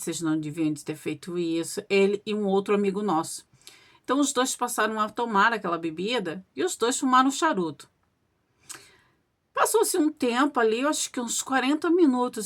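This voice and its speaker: A woman narrating a supernatural account in the first person, chatting directly to her listeners. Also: fairly high pitch. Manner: conversational, addresses listeners directly. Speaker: storyteller reading listener accounts.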